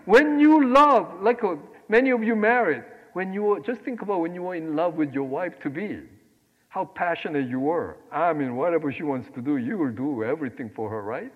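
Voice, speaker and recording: A man from Korea preaching a sermon, animated, swinging between loud exclamations and quiet asides. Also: on the high side, moderate pace, long reverb tail, phone-quality sound. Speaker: pastor.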